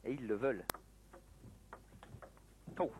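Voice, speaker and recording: A man's voice: medium pitch, slow pace. A man giving live sports commentary on a table tennis match. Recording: noisy sports hall broadcast, background ambience. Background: sports hall noise.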